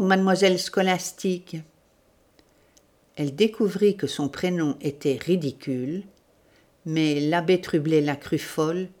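A woman narrating a literary novel in a measured, deliberate reading. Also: sits low, darkish tone. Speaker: audiobook narrator.

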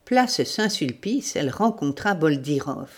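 A woman narrating a literary novel in a measured, deliberate reading. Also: low-pitched, very animated, husky. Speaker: audiobook narrator.

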